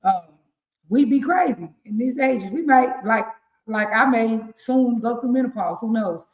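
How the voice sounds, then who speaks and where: A woman with a rural Southern US accent, co-hosting a casual live-stream morning show as a relationship coach and giving lively, preachy advice with frequent laughs. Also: on the high side, a little slow. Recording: roomy echo.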